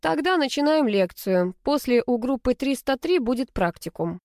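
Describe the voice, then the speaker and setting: A woman voicing an elderly male university lecturer who makes brisk, businesslike announcements, in a dry audiobook reading. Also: high voice, animated, a little mellow, no room sound, voice pushed up.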